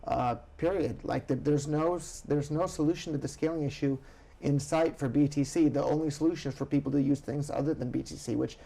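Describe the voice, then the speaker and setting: A man hosting a chatty news show, voice pitched slightly high. He talks in an animated, opinionated way, pressing his points and drifting into rants. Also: fairly quick, creaky. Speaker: show host. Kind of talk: casual news chat.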